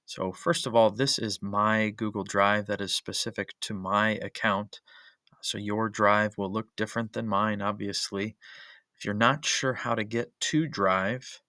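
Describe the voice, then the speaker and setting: Male teacher, screen-recording voice-over, bright, close and dry, methodical with fillers. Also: fairly low pitch, fairly even intonation, a little slow, no echo. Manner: methodical step-by-step explaining, frequent uh and um fillers. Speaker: history teacher. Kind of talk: screencast tutorial narration.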